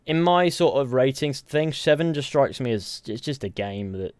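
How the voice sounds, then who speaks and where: A tired British man with an accent that blends Mancunian and Southern English chats casually on a live game stream, rambling and joking while he answers chat. His mid-range voice has lively intonation, a normal speed, and a darkish, clear, resonant tone.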